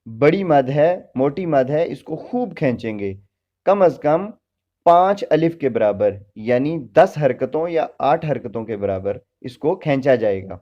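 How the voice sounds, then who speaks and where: A man's voice: medium pitch, expressive. A man teaching Quran recitation, patiently spelling out each syllable and stretching the long vowels. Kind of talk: spoken recitation lesson. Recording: dull lo-fi recording.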